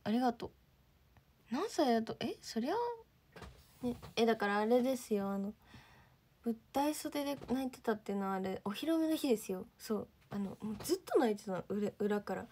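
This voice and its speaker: A woman's voice: fairly high pitch, dark tone, slightly rough. A teenage girl with a lilt, chatting casually on a livestream, thanking viewers and sometimes dropping almost to a whisper. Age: teens. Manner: chatty, reads and thanks viewer comments, drops to near-whispers. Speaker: idol livestreamer.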